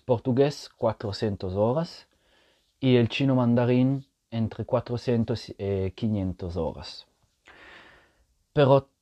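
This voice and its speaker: A man's voice, on the low side, warm and a little breathy, carries this casual solo podcast. He explains his point patiently in learned Spanish, checking in often with the listener.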